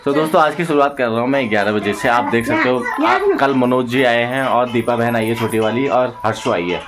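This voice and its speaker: A man's voice: medium pitch, fairly quick. Chatty Kumaoni-accented man vlogging at home. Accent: Kumaoni-tinged Hindi. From Uttarakhand, India. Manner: chatty, laughing, addresses viewers as guys and friends. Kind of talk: casual vlog chat. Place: family home indoors.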